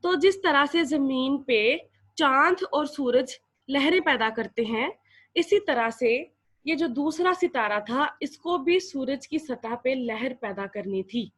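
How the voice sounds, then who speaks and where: A woman's voice: high voice, lively intonation, slow pace, a bit bright. A young woman with a Pakistani accent teaching an English lesson, explaining word by word and switching between Urdu and English. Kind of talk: classroom lecture.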